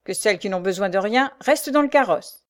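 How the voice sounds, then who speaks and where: Woman voicing a barking gruff sergeant. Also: medium pitch, lively intonation, fairly quick, natural voice. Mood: bossy. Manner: barking orders, loud and rough. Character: gruff bossy male sergeant guarding prisoners.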